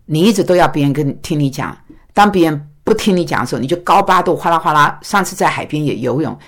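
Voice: medium pitch, lively intonation, fast talker, a bit bright. A pastor and teacher giving a recorded talk to a congregation, telling a story with stammered restarts and acted dialogue.

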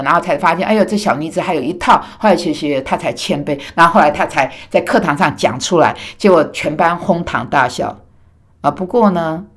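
Woman from taiwan giving a sermon, lowish voice, rambly and animated, lots of ums and asides. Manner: animated, chatty asides with many fillers. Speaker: preacher.

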